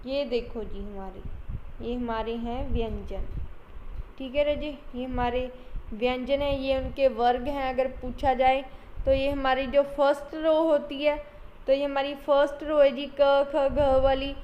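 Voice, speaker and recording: A woman's voice: high-pitched, level tone, unhurried. A woman teacher gives an online exam-prep lecture, repeating points and calling her students children. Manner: repetitive, coaxing, addresses students as children. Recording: dull lo-fi audio with faint hiss.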